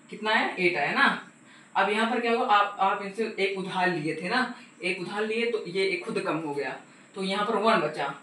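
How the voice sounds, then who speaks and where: In an echoey room, with his voice picked up from afar and a faint hiss underneath, a high, bright-voiced man tutors math. His casual lesson goes step by step as he patiently repeats "ठीक है" and asks the viewer questions.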